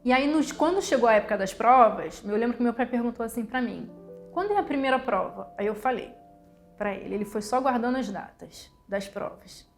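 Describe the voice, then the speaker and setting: A woman tells her life story in a fairly high voice, earnest and conversational, tossing in little tag questions as she goes. Soft music plays quietly behind her. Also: brisk. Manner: heartfelt storytelling, quotes family, tag questions like "sabe?" and "né?". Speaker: medical doctor telling her life story. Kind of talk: personal testimony.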